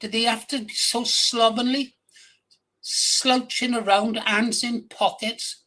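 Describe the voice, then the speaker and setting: An older man hosts his own channel in a blunt, crude, rambling casual monologue full of restarts, speaking with a Welsh accent; he's from England but was raised in Wales from age ten. His voice is very high-pitched, bright, and forceful, with little pitch movement and a slow pace, on a low-quality recording.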